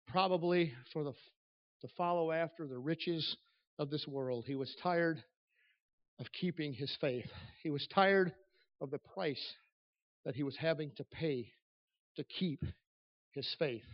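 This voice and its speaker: A man's voice: on the high side, highs cut off. A man preaching an earnest, personal sermon at a pulpit microphone in a church, building to emphatic stresses.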